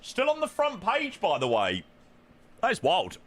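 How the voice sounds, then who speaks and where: A man's voice: high-pitched, huge pitch swings, measured pace, a bit bright. A British man chatting casually on a flight simulator livestream, informal and matey in manner.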